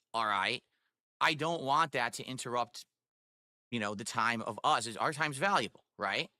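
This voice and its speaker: A man hosting a livestreamed podcast, explaining things to viewers in a deliberate, emphatic way. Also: medium pitch, sharp tone, no room sound, studio quality. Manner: deliberate, emphatic, checking in with "all right". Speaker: podcast host and streamer.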